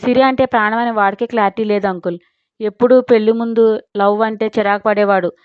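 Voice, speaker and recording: A woman's voice: mid-range voice, fairly even intonation, brisk, clean tone, no room sound, natural voice. A woman voicing an earnest young friend pleading. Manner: earnest and requesting. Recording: dry, slightly dull recording.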